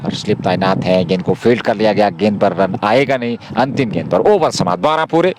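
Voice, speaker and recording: A man's voice: fairly low pitch, a little fast, noisy background. A man giving live ball-by-ball cricket commentary in a flowing, wordy style, reciting scores as he goes. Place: outdoor cricket ground.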